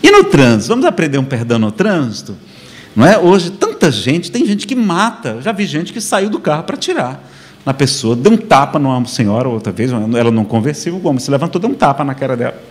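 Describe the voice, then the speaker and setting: Animated Brazilian man giving a spiritual lecture. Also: medium pitch, brisk. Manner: rhetorical questions, frequent "não é?" tags; lively, conversational preaching with humor. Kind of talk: spiritual lecture to a live audience. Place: lecture hall before an audience.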